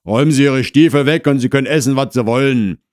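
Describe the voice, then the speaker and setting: Fields: Figure: a man voicing a shrill, fussy woman in her fifties. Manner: high and loud. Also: fast, dry recording, studio quality, lightly acted. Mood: indignant. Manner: high-pitched, loud, indignant. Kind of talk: comic audiobook reading.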